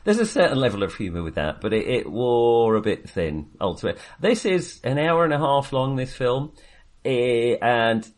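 A man co-hosts a casual film review podcast, rambling hesitantly and correcting himself as he goes. His voice is medium-pitched and sing-song, at a moderate pace.

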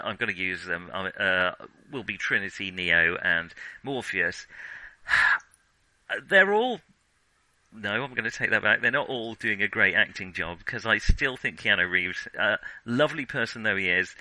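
A podcast co-host chats casually about films, thinking aloud in a hesitant, digressive way. His voice is lowish with a sharp tone, and the recording is dry and low-quality.

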